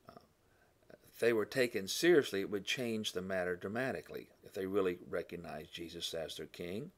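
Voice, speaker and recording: A man with a low-pitched voice teaches a Bible lesson as though in a classroom, frequently clearing his throat as he thinks aloud with fillers and corrects himself.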